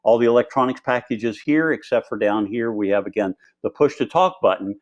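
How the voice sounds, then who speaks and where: A man with a medium-pitched voice speaks briskly on lo-fi sound, presenting diving gear on live video. As the instructor, he gives an informal, rambling tutorial in a conversational way.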